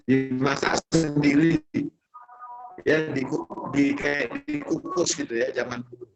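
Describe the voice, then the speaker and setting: A man's voice: a little high, wildly swooping pitch, a little slow, vocal fry, highs cut off, over music. Man doctor on choppy, breaking-up call audio. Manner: patient, explanatory, repeats his advice. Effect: choppy audio breaking up over a bad connection. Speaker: doctor answering questions on a video call. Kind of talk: online health consultation. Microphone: video call.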